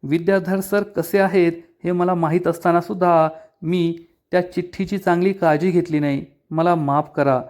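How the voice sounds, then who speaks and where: A man's voice: high-pitched, steady tone, normal speed, hardly any pauses, darkish tone, close to an everyday voice. Male narrator voicing a remorseful young heroine, pleading and apologetic.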